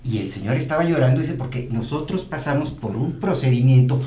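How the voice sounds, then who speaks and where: A man's voice: medium pitch, expressive, a little fast, mellow. Man on a panel, stops and restarts a lot, tells a story, roomy sound, little hiss. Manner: hesitant, many restarts, anecdotal. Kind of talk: political panel discussion. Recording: roomy echo with faint noise.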